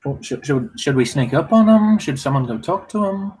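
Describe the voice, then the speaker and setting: Male player with a husky voice, unsure and questioning. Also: fairly high pitch, animated, normal speed, a little mellow, rough recording. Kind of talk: casual tabletop game play.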